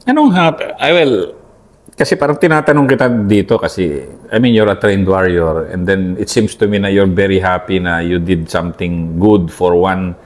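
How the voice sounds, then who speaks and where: A middle-aged Filipino host interviewing a younger officer, asking probing, leading questions and often ending them with "di ba?". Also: male voice, low voice, moderate pace. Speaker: host, retired colonel. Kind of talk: interview, mixing Tagalog and English.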